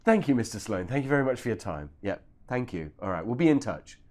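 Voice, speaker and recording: A man's voice: medium pitch, big pitch swings, fast, darkish tone, slight background noise, close to an everyday voice. A man playing an overpolite casting director who gives fussy, hesitant notes.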